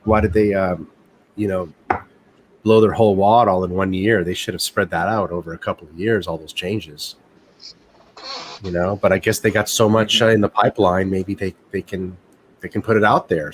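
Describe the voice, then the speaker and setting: A man's voice: low-pitched, normal speed, a little hiss or hum. A man hosting a casual live chat over a video call, chatty and musing. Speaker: host.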